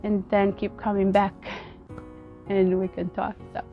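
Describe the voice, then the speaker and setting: A woman from Ethiopia, vlogging outdoors in an earnest, halting way and often repeating her words. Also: medium pitch, flat delivery, dull audio, soft background music. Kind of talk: casual personal vlog talk.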